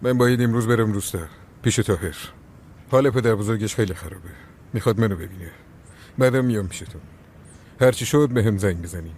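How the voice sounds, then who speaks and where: An actor playing a calm, level-headed man who steadies his hot-tempered brother in a TV drama. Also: on the low side, long pauses, a little hiss or hum, lightly acted. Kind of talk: TV drama dubbed dialogue.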